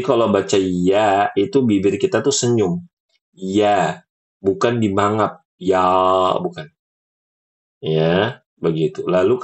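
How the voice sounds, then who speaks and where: A man teaching Quran recitation in an online class, patiently correcting students and demonstrating words slowly and drawn out. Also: fairly low pitch, darkish tone.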